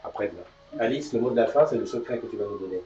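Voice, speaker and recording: Animateur bavard capté de loin. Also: male voice, on the low side, lively intonation, racing, warm tone, a little hiss or hum. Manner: chatty, upbeat, announces and teases. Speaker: host of a live morning show. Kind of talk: casual live chat. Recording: distant, roomy, dull sound.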